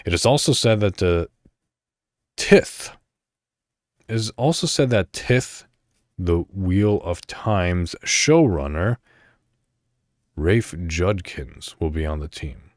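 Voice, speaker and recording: Slow and animated, with many pauses, a low-sitting male voice carries this casual solo podcast. The host rambles through asides and reads some articles out loud, all in clean studio sound free of echo.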